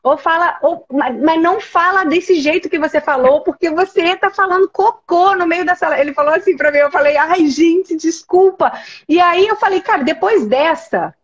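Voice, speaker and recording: A woman from Brazil with a high, bright-topped voice tells classroom stories in a casual video call, animating every scene. The audio is slightly dull and lo-fi. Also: moderate pace. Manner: animated storyteller, acts out scenes. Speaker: host, university professor.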